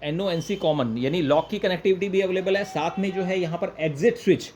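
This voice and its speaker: In an informal product demo, an Indian man explains each step, repeating points and blending in English phrases. He speaks briskly in a high-pitched, slightly mellow voice, over clear background noise and room ambience.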